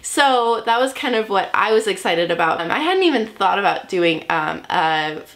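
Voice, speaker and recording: A woman's voice: mid-range voice, very animated, normal speed, a bit bright. Bubbly young woman, a bit nasal. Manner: bubbly and upbeat. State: slightly sick, nasal voice. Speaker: vlogger. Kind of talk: casual vlog talk to camera.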